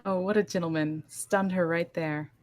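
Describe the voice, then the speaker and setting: Woman, podcast guest, playful, lowish voice, quick interjections. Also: steady tone, no room sound. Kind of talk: casual podcast chat.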